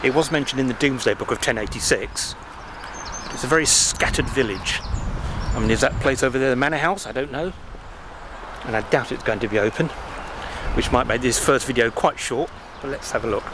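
A travel vlogger from England in his fifties holds a selfie camera at arm's length as he wanders a roadside country churchyard, chatting and rambling with self-deprecating remarks. His medium-pitched voice is brisk. Outdoors, passing cars and wind come through on the recording.

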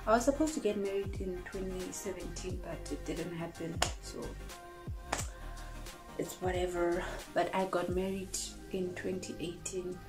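Recorded roughly over music, this woman's fairly low voice keeps fairly even intonation at a slightly slow pace. She's a twenty-something vlogger from South Africa, rambling casually into a close-held phone camera for a get-to-know-me chat in a small room, cupboards behind her.

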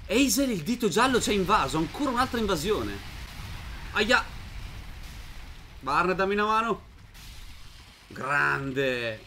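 A young man hosts a gaming channel, talking through a dark fantasy game in a loose, chatty way. His voice is bright and forward, and he talks to his viewers and to the game's characters as he plays. During tense fights his voice climbs into sudden excited shouts. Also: high voice, a little slow, long pauses, slight background noise. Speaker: gaming video host. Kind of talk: casual let's-play commentary.

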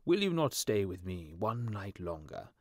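A gentle statue prince who talks slowly and sorrowfully, put on by a man narrating. His pleading words come out soft and unhurried, and the sound is close and dry. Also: low voice, very animated, no room sound, exaggerated voice. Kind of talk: storybook reading.

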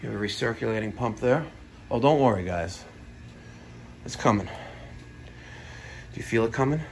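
Plumber vlogger, man in his 40s, New York accent, hyped and animated, phone-filmed in a basement. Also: lowish voice, moderate pace, gravelly, a little hiss or hum. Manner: animated, hyped, talks to viewers. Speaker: plumber and heating technician. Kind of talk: on-the-job vlog narration. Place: house basement boiler room. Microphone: phone camera at arm's length.

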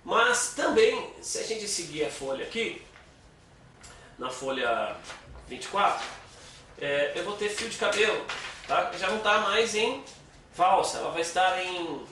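A Brazilian man teaches guitar casually, explaining patiently and counting beats aloud in a high-pitched, somewhat bright voice. The audio carries a little hiss or hum, with echoey room sound, a far-off mic, and guitar playing.

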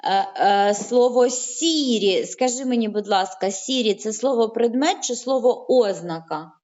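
A woman teaching young children in an online lesson, patient and encouraging, stretching words out slowly, heard through a video call. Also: medium pitch, mellow. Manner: slow, drawn-out syllables when saying words aloud. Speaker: primary school teacher. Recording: muffled online call audio.

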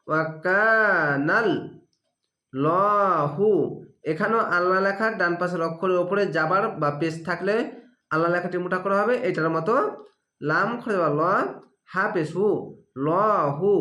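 Male teacher, high-pitched, patient spelled-out drill in a reverberant room. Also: a bit bright. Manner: spells letters and vowel marks aloud, drawn-out recitation; asks and answers his own questions. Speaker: Quran reading teacher. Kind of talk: slow spelled-out recitation lesson. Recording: echoey room.

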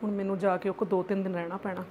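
A woman's voice: mid-range voice, little pitch movement, very fast, dark tone, a little hiss or hum, close to an everyday voice. A middle-aged woman playing an aggrieved mother-in-law in a family drama skit, lamenting and scolding dramatically. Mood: weary lamenting.

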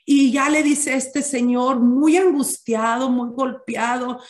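A woman teaching a Bible study, deliberate and often checking in with her listeners. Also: high voice, steady tone, a little mellow. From Mexico. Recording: echoey room.

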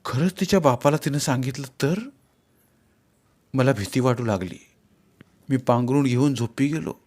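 A man reading a literary story aloud in a measured, unhurried narration. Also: mid-range voice, darkish tone.

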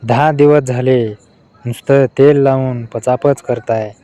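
A man reading out a string of short adult jokes in a flat delivery. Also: mid-range voice, slow, very noisy. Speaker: joke narrator.

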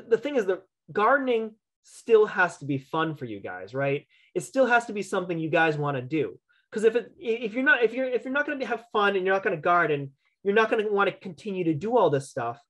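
A young adult man, a county entomologist, giving a casual online lecture on gardening over a video call, chatty and full of restarts and "right?" tags. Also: on the high side. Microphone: video call webcam.

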